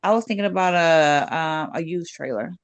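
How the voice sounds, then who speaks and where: A woman from Louisiana, an attendee in a live class, asking about a loan in a hesitant, halting way. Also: low-pitched.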